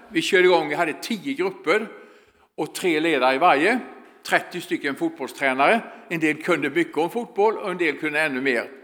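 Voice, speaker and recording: Man telling stories in an echoing hall. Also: a little high. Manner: animated storyteller, quotes people in dialogue. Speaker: speaker addressing an audience. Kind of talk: storytelling talk. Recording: long hall reverb.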